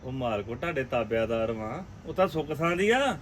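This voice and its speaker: An easygoing husband with a humoring tone, as an actor plays him, talking over clear outdoor noise and passing cars in a Punjabi village drama. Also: male voice, medium pitch, big pitch swings, a little fast, far from the mic, close to an everyday voice. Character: mild, teasing husband of the elder sister.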